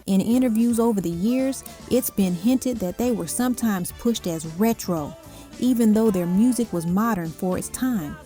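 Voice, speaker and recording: A woman reads scripted narration for a music countdown at normal speed in a medium-pitched voice. Her delivery comes in emphatic, short punchy phrases, with faint music playing underneath.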